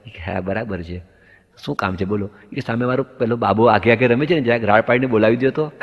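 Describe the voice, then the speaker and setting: A male stand-up comic spins jokey anecdotes, switching between himself and the other characters as he builds to each punchline. His voice sits at an ordinary middle pitch. The sound is dull and lo-fi, with a long hall reverb trailing behind it. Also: a little fast. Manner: acts out both sides of dialogues in anecdotes, punchline delivery. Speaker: stand-up comedian.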